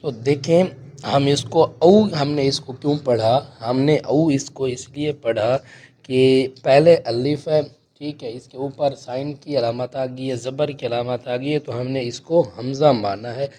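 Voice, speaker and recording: A man's voice: mid-range voice, fairly even intonation, mellow. A man teaching Quran recitation, explaining each letter and rule patiently and checking in with his students. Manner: slow drawn-out chanted recitation of verses.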